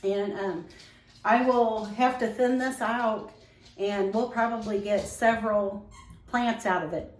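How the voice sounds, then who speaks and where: A woman hosting a casual home vlog, chatty and relaxed with many ums. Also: mid-range voice, slow pace. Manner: talks while tasting, mouth full. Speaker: home cooking vlogger. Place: home kitchen and growing room. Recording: roomy home echo.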